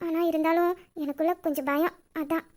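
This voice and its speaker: Timid devoted village girl, voiced by a woman, very high, quick, hesitant. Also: fairly even intonation. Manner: soft, pleading, hesitant.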